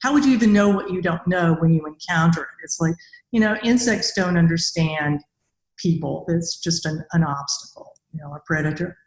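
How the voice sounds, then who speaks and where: Speaking at a normal speed in a lowish voice, a middle-aged robotics academic conducts a podcast interview in a chatty, conversational way. The video-call recording picks up the echo of the bare-walled room she's in.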